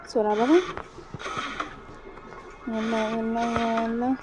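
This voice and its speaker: A young woman with an Egyptian accent giving lively horror game commentary, talking to the game and her viewers. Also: a little high, slow, rough recording. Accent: Egyptian Arabic. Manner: excitable, talks to the game and to viewers. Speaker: gaming YouTuber. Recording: music playing behind the voice.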